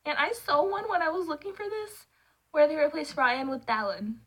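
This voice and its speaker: A woman's voice: high voice, big pitch swings, moderate pace. Flustered woman reading fan fiction aloud. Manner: flustered, laughing, breaks off to react. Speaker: channel host.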